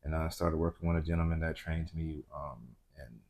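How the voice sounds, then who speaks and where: A man's voice: very deep voice, moderate pace, creaky, darkish tone, slightly rough. A man from Atlanta, a guest on an interview show, talking in a laid-back way full of "um" and "you know". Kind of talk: casual interview chat.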